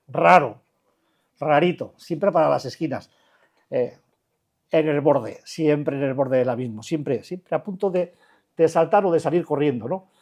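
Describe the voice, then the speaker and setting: Older man, Basque Spanish accent, recovery-group speaker, blunt and colloquial, a bit high-pitched. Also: darkish tone. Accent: Spanish, Basque Country. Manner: colloquial and blunt, many restarts and rhetorical questions. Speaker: addiction recovery counselor. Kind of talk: informal talk to a recovery group.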